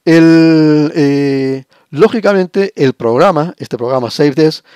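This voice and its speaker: A man's voice: fairly high pitch, slow pace, darkish tone, smooth, no room sound. Man teaching over screen share. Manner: explanatory, frequent rhetorical checks. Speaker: lecturer. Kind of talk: recorded screen-share lesson.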